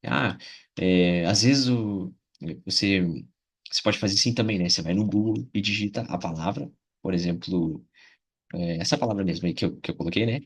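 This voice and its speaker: A young man with a Brazilian Portuguese accent teaching in a loose, chatty way. His voice sits a little low and has a husky grain. He keeps checking in with the listener as he explains. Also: normal speed. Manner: chatty, repeats short phrases, checks in with "né?" and "tá?". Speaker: English teacher. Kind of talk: casual spoken lesson.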